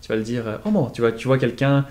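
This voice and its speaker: A man's voice: mid-range voice, little pitch movement, fast talker, a little mellow. Man, patient explainer, casual lesson pace, demonstrates sounds. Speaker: accent teacher.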